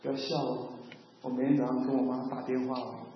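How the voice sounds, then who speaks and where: A man's voice: medium pitch, flat delivery, fast, noisy background. A man in his sixties preaching a sermon in a conversational way, often asking the congregation questions and slipping in English phrases. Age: 60s. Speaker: pastor. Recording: echoey hall, dull sound.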